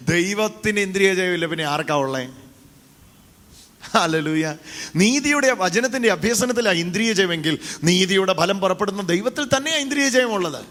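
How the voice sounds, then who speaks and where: A man's voice: sits high, expressive, moderate pace, a bit bright. A man preaching a call-and-response sermon into a handheld mic, urging the congregation to repeat after him. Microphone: handheld microphone. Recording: echoey hall reverb.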